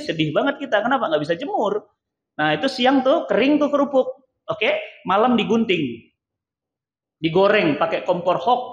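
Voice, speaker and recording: Male preacher, high voice, theatrical sermon delivery, echoey mosque PA sound. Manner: animated, theatrical, acts out quoted voices. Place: large mosque hall. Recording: echoey, dull mosque PA recording.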